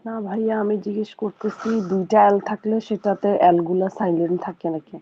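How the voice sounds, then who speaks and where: A woman asks short, polite questions as a student in a class. Her voice is dark and comes through dull call audio with faint noise. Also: medium pitch, fairly even intonation, a little fast.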